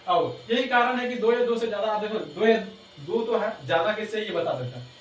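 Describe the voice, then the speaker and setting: A man teaching a grammar lesson step by step, pausing to check with his students and laughing at himself now and then. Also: high-pitched. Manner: explains step by step, repeats "ठीक ना", laughs at himself. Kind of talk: classroom lesson explaining to students. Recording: echoey room, distant mic, faint noise.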